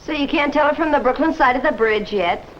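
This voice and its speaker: An actress playing a poised, quick female reporter in a 1950s TV drama, sounding crisp and assured. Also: high voice, lo-fi sound, slight background noise, close to an everyday voice.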